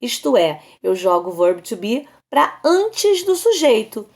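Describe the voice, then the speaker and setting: A woman from Brazil teaches English in a casual online lesson, talking to her students as friends. Her voice sits a little high, and she speaks slowly, drawing out each example sentence so it can be repeated. She explains with patience. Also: sing-song, gravelly, a little mellow. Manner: addresses students casually as "galera".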